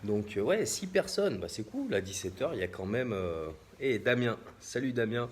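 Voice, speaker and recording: On a casual live stream, a real estate investor with a French accent talks through property investing, often hesitating, using fillers and restarting. His voice sits on the low side with a sing-song lilt, a moderate pace and a faint hiss or hum.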